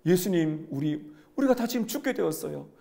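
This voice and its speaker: A pastor voicing panicked disciples begging for rescue. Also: male voice, fairly high pitch, animated, a little fast, gravelly, warm tone. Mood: panicked pleading. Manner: urgent, pleading. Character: panicked disciples pleading in a storm.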